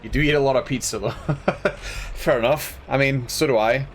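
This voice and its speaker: A man's voice: mid-range voice, steady tone, quick pace, a little hiss or hum. A tired man chatting casually while streaming a game, rambling and laughing at himself. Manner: rambling, laughing, self-deprecating.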